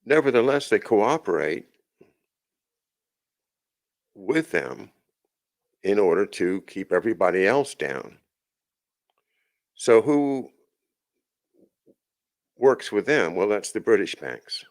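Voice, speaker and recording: A man's voice: lowish voice, big pitch swings, takes it slowly, gravelly, pauses often. A man hosting his own show, talking casually in a rambling monologue full of restarts and asides. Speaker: podcast host.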